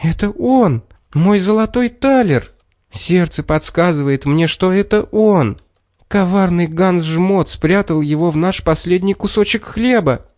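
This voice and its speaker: A man voicing an earnest, tender young girl in a high eager voice. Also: moderate pace, darkish tone, natural voice. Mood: joyful.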